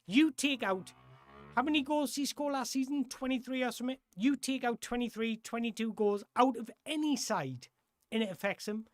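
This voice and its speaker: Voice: mid-range voice, normal speed, dry recording. A live-stream football host chatting casually through viewer questions, rambling and correcting themself as they go.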